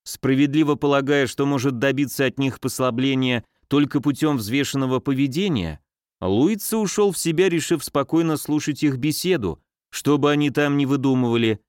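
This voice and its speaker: A man's voice: mid-range voice, moderate pace, clear, resonant tone, dry recording, clean studio sound. Man narrating an audiobook. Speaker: audiobook reader.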